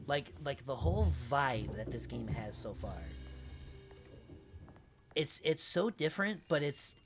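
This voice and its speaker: A woman streamer chatting and reacting aloud as she plays a game, laughing often. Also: extremely low pitch. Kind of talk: let's play commentary.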